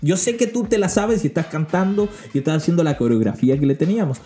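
A man's voice: a little high, lively intonation, fast talker, warm tone, soft background music. A young Chilean man hosting a podcast, talking about faith in a joking, self-mocking way and mimicking other people's voices. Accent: Chilean Spanish. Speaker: podcast host. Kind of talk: humorous faith monologue.

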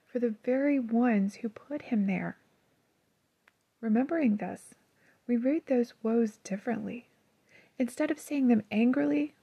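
A woman reads a scripted devotional in an earnest, gentle tone, often softening to a near-whisper on key words. Her voice is husky and mellow, pitched a little high, with a gravelly fry at the ends of phrases. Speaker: devotional podcast host.

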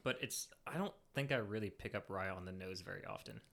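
Fast, bright-voiced man joking. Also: fairly low pitch, gravelly. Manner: quick, joking, hesitant with fillers like "like". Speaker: podcast co-host. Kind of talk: casual chat.

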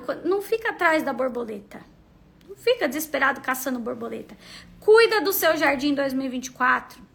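Brazilian woman giving love advice, high voice, teasing and emphatic, talks right at you. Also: creaky, bright, forceful tone. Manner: emphatic, teasing, addresses listener directly. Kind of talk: casual advice monologue.

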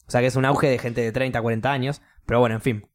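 A young man with a Rioplatense Spanish accent, telling a story in casual chat, swearing and loudly acting out quotes. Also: mid-range voice, little pitch movement, fast.

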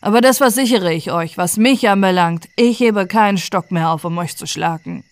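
A woman's voice: mid-range voice, normal speed, smooth, no echo, natural voice. A woman voicing a loyal old male servant who talks in an earnest, scolding way. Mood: resigned.

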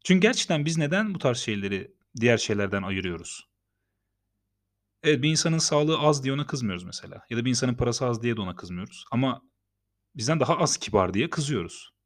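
A man hosting a solo podcast, talking in a calm, conversational way and telling stories, with fillers now and then. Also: medium pitch, fairly quick. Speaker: podcast host. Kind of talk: reflective solo podcast talk.

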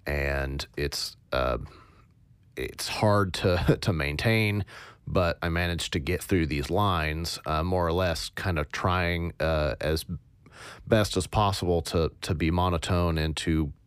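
A man walks through his sound design process in a casual tutorial, pausing often to find his words. His voice is low, even and monotone, with a smooth, clear tone. The recording is close and dry. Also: no room sound. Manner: hesitant, many fillers, thinks aloud.

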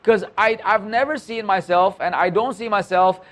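A man in his forties with a noticeably high-pitched voice chats on a podcast. He talks candidly and pokes fun at himself, often restarting his sentences mid-thought. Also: moderate pace, fairly bright tone. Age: 40s. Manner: candid, self-deprecating, lots of restarts. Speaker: podcast guest, Islamic preacher. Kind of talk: casual podcast conversation.

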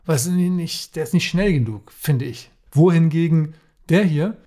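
A man's voice: a little high, measured pace, mellow. A man co-hosting a podcast, reading jokes aloud in casual chat and often cracking up while telling them. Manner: reads jokes aloud, often breaking into laughter. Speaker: podcast co-host.

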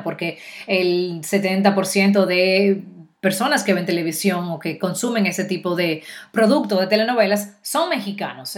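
Chatty Dominican actress, animated. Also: female voice, mid-range voice. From Dominican Republic. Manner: animated and chatty, with quick restarts. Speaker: actress, interview guest. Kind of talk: casual interview chat.

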